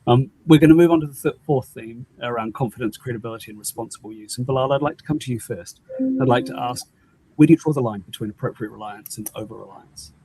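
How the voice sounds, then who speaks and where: Husky New Zealand man moderating. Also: mid-range voice, fast talker, warm tone, rough recording. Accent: broad New Zealand. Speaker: panel moderator. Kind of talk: moderating an online panel discussion.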